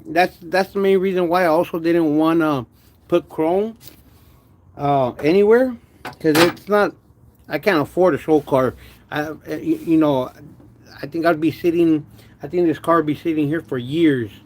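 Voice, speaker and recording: A man's voice: a little high, background noise. Lisping man missing his front teeth. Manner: halting, stammered repetitions with pauses to manage saliva; slangy, uses "homie" and "dog", drops in Spanish words. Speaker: car project vlogger. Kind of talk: casual livestream chat about car work.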